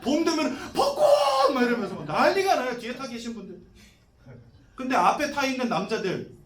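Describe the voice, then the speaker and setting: Male pastor in his forties with a high, animated voice. Casual, questioning sermon, recorded from afar in a roomy hall. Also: a little fast, far from the mic. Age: 40s. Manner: conversational, asks the congregation questions, jokes. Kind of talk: sermon to new members. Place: church hall.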